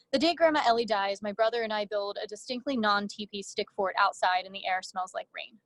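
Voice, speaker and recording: A woman's voice: mid-range voice, a bit bright, dry recording. Woman reading her fiction, dry sound. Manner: measured first-person reading with brief casual asides. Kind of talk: literary reading.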